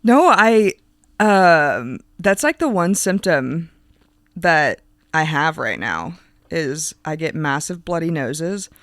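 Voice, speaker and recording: A woman's voice: sits low, very animated, slow pace, a bit bright, no room sound, clean studio sound. A young woman with a congested, stuffy nose chatting casually and bluntly as a podcast co-host. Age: young adult. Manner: blunt, playfully opinionated. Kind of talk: casual chat.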